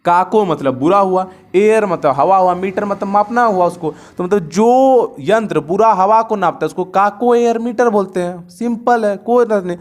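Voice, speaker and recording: High-voiced man teaching vocabulary. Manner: repeats words and asks himself questions; spells words out letter by letter. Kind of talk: online vocabulary lesson.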